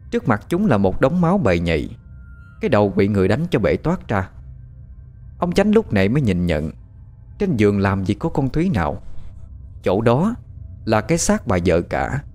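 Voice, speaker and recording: Man narrating a horror story, deep-voiced. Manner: dramatic, animated delivery. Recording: faint background music.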